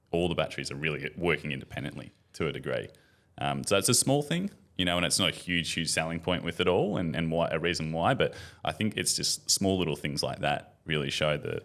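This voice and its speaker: A man's voice: a bass voice, gravelly, fairly bright tone. A man with an Australian accent, a podcast guest who talks laid-back, explaining with fillers. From Melbourne area, Australia. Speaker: podcast guest, battery salesperson. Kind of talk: casual chat.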